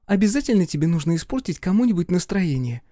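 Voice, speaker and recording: A man's voice: high-pitched, big pitch swings, fast talker, warm tone, no room sound, pitched above the performer's own voice. A bold, cheeky young girl from an audiobook tale, as a male reader puts her on. Her lifted, bouncing voice scolds sharply. The sound is dry and close. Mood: stern scolding. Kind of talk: audiobook character voice.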